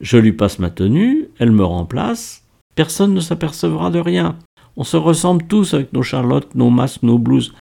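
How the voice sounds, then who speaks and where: A man's voice: fairly high pitch, big pitch swings, moderate pace, vocal fry, mellow, pitched above the performer's own voice, heavily acted. A man playing an earnest young schemer. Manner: earnest, explaining plans in detail.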